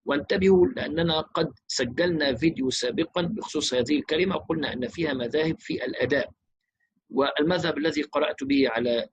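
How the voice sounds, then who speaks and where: A man teaching Quran recitation, explaining rules briskly and chanting verses slowly and melodically. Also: a little high, dull audio, slight background noise.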